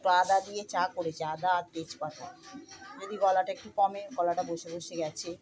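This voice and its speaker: A woman's voice: lowish voice, steady tone, a little fast, darkish tone. A woman chatting casually to her viewers as she cooks at home. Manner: chatty, addresses viewers as friends. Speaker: cooking vlogger. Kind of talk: casual home cooking vlog. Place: home kitchen.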